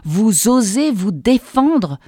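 A woman voicing a furious, obese male company vice-president who shouts slowly and with contempt. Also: deep voice, lively intonation, no room sound, clean studio sound. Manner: slow, bellowing, contemptuous.

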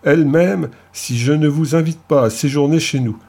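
A man's voice: on the high side, moderate pace, creaky, a little mellow, husky. A man voicing a giant, jovial male clan chief who talks bluntly and heartily in an audiobook story. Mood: curious.

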